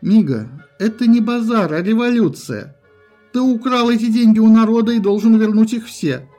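Male narrator doing a blustering, threatening gangster rebel, high and forceful, faint music behind. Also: normal speed, natural voice. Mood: stern. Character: hot-headed male gangster turned revolutionary.

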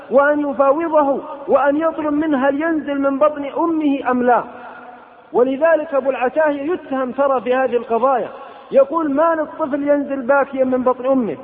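A man preaching an impassioned sermon, scolding and rising to sharp outbursts. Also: very high-pitched. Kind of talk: fiery sermon. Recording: tinny old cassette in a hall.

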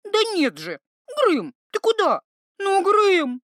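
A woman voicing a soft-hearted young female herbalist who talks in a high, pleading, excitable way. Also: moderate pace, no room sound, clean studio sound, full character voice.

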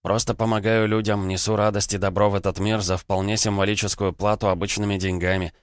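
A sly little crossroads demon who wheedles and pleads in a deep, smooth, low voice, as a male narrator puts him on. The recording is dry and close, with almost no room sound. He sounds ingratiating and self-pitying, as in a fantasy storybook. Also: level tone, fast, no echo, close to an everyday voice. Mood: wheedling.

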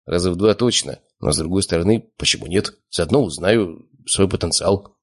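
A man's voice: deep voice, normal speed, husky. A man reading a first-person audiobook with a dry, sardonic manner. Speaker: audiobook narrator.

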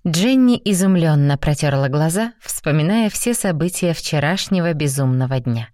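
A woman narrating a romance novel aloud in smooth, even storytelling. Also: sits low, normal speed, no echo, clean studio sound. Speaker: audiobook narrator.

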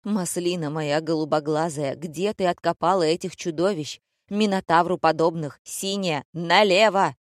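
A woman voicing a loud, rude, bossy male theatre director who shouts mocking, theatrical insults in an audiobook. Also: lowish voice, normal speed, hardly any pauses, dry recording, clean studio sound, lightly acted. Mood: barking, mocking. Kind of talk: audiobook character voice.

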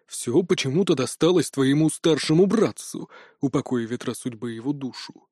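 A man voicing a calm, dismissive ancient male god, low and gruff. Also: normal speed, no echo, clean studio sound. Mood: grim.

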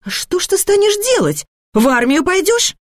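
A woman's voice: on the high side, big pitch swings, moderate pace, no echo, clean studio sound. Woman reading as a scolding harried mother. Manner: scolding, raised voice. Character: harried middle-aged mother, sharp-tongued, exasperated. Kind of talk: audiobook dialogue reading.

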